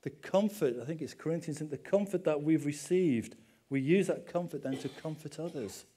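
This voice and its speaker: A middle-aged man delivers a sermon as a pastor. He talks in a chatty, anecdotal way, with wry jokes at his own expense. His voice sits slightly higher than most men's. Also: moderate pace, warm tone, breathy edge. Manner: conversational preaching with asides and self-deprecating humor.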